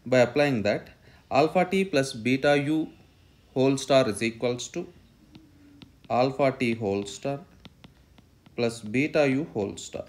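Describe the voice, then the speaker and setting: A man lecturing on mathematics step by step, dictating and repeating phrases as he writes out the working. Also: medium pitch. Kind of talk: step-by-step lecture while writing out a proof.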